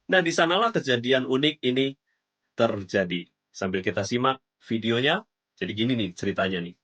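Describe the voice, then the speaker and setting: Male vlog host, mid-pitched, chatty and slangy, bouncy emphasis, talks right to the viewer. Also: animated, moderate pace, fairly bright tone. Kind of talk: casual storytelling commentary.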